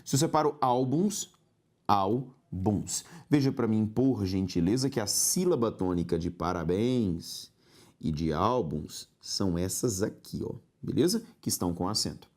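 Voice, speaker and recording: A Brazilian man teaching grammar in a recorded exam-prep lesson, talking straight to the student, spelling out syllables slowly and tagging points with a rising "ok?". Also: on the low side, lively intonation, a little mellow. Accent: Brazilian Portuguese. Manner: didactic, addresses student directly with frequent "ok?".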